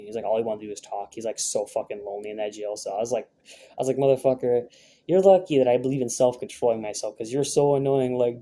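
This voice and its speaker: A man's voice: fairly low pitch, dark tone, slight background noise. A young man vlogging, telling a rambling, profane story in a brash, casual way with many fillers.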